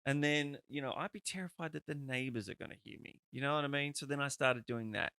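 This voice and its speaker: Gravelly, bright-voiced podcast host. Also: male voice, mid-range voice, quick pace, no room sound, clean studio sound. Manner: chatty, rambling and peppered with swearing. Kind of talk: casual conversational interview.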